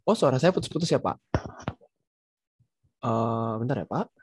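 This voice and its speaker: A man's voice: mid-range voice, animated, normal speed, darkish tone, slightly rough, no room sound. A man moderating an online class session, his video-call audio choppy and breaking up as he speaks politely.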